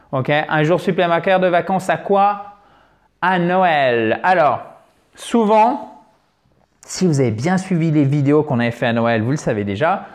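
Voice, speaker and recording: Slow, careful teacher man. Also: a little high. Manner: explains slowly, repeats English words with careful stress. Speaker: English teacher. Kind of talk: video lesson.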